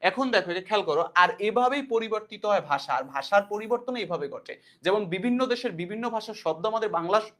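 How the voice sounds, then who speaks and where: A man with a high voice gives a casual classroom lecture. He explains step by step and repeats key points. He keeps asking his students questions back. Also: lively intonation, fast talker, bright, forceful tone. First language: Bengali. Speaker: teacher.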